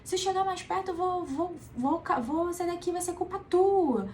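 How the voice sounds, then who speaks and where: A man's voice: very high voice, moderate pace, a little hiss or hum, pitched above the performer's own voice. A woman voicing a desperate, hostile man who threatens to jump and tells everyone to stay away. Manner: shouting, defensive, pushing people away.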